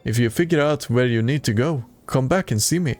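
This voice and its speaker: A man's voice: mid-range voice, a little fast, a little mellow, soft background music. A man streaming a video game and reading its dialogue aloud in a plain way, with occasional stumbles.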